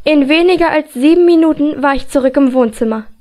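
A woman with a high voice narrating a fantasy novel in the first person. Her reading is steady and expressive, carrying the story along scene by scene. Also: a little fast. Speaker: audiobook reader.

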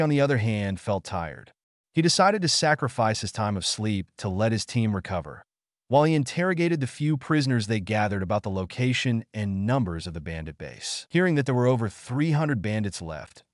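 A man with a low voice narrates a written story in a steady reading manner. His pitch moves a lot across phrases. The recording is dry and close, with no room sound. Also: no echo. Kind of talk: scripted fan fiction narration.

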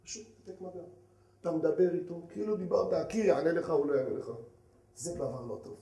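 A man, a rabbi giving a lively lecture who keeps asking his audience questions and swings between loud and hushed. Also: on the high side, creaky. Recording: echoey hall.

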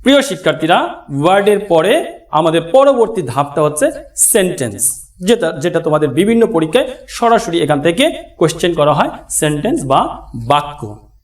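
A male teacher with a Bangladeshi Bengali accent, giving a classroom grammar lesson, addressing his students directly and slowly spelling out example words. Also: a little high, big pitch swings. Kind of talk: classroom lesson explaining at a board.

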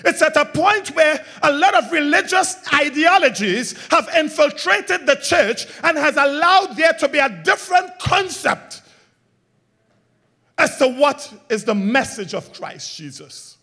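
This pastor is animated but keeps a measured pace as he preaches. He engages the congregation through call-and-response questions, his lines alternating between loud and emphatic and quiet and low.

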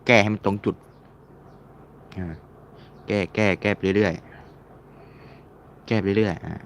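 A man's voice: fairly low pitch, fairly even intonation, takes it slowly, gravelly, a little hiss or hum. A man giving a casual, screen-recorded tutorial, chatting and repeating words while he searches and clicks. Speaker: mobile game modding tutor.

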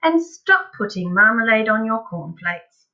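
A woman's voice: a little high, big pitch swings, measured pace, highs cut off. A woman voicing a sensible middle-aged mother in a children's storybook, firmly chiding but reasonable. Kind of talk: dramatised children's storybook reading.

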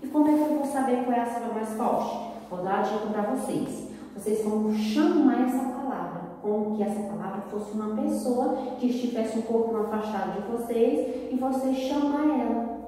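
A woman with a Brazilian Portuguese accent, a primary school teacher giving a slow, didactic recorded grammar lesson to children. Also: a little high, dark tone. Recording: echoey room from far off.

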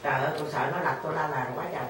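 Racing along in a deep voice, an older Vietnamese woman narrates a tale during a relaxed conversation, performing each character's quoted lines. It sounds like a distant, roomy radio recording with noise behind her.

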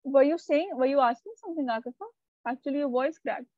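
A woman's voice: high-pitched, lively intonation, fast, mellow, no room sound, dull audio. A woman teacher, giving a live online lesson and explaining step by step while checking that her students follow. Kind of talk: live online class lecture.

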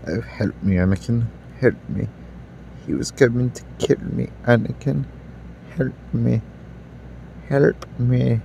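A man voicing a sad, feeble old man who begs for help in a hushed, whimpering voice. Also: mid-range voice, slow pace, pauses often, slight background noise, voice pushed down. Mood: pleading. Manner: whimpering, begging, breathy and hushed.

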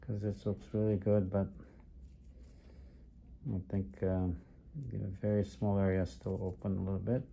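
A man's voice: sits low, flat delivery, normal speed, gravelly, long pauses, dark tone, breathy edge. A man, a foot doctor, chatting encouragingly with a patient while cleaning a wound in a clinic. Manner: chatty, encouraging, many uh-huhs. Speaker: podiatrist. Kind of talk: casual chat while treating a patient. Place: clinic room.

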